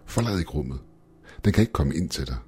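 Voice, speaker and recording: A man's voice: a bass voice, expressive, slightly rough, exaggerated voice. Guy doing a tough cocky young woman in a horror story, brash and taunting, faint music under it.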